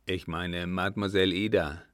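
A man's voice: sits low, flat delivery, normal speed, fairly bright tone, no echo, studio quality. A man as a flustered, earnest young lieutenant. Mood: defensive. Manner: earnest, defensive. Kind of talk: audiobook character voice.

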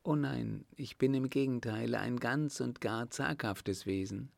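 An earnest, timid young French noblewoman, read by a man who lifts his low voice slightly. She speaks slowly and with care. The gravelly tone sits close and dry, with no room around it. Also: no room sound.

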